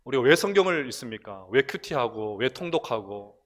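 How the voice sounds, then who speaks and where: A middle-aged man from the Gyeongsang region of Korea with a Gyeongsang accent, preaching a conversational sermon in church and telling stories with animated asides. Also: medium pitch, normal speed. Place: church, recorded from broadcast room.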